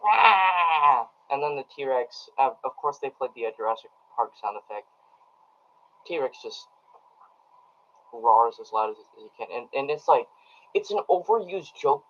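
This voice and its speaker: Rambling man streaming a movie review. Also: medium pitch. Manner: rambling, many ums and restarts; talks straight to his live chat. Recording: dull lo-fi audio.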